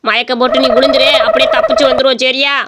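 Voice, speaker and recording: Lazy cartoon village man, gruff and quick, high bright voice, voiced by a woman. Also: flat delivery, heavy background noise, close to an everyday voice. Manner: gruff, dismissive retorts.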